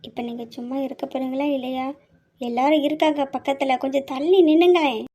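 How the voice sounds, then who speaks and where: A woman's voice: very high-pitched, fairly quick. [name], a woman doing a flustered young woman. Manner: flustered pleading, pushing him away.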